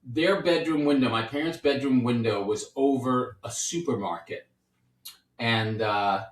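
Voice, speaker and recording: A man's voice: medium pitch, unhurried, far from the mic. Chatty man in his fifties, roomy sound. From New York City. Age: 50s. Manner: chatty, playful, rambling with restarts. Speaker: podcast host, doctor. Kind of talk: casual podcast chat. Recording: roomy sound, set back from the mic.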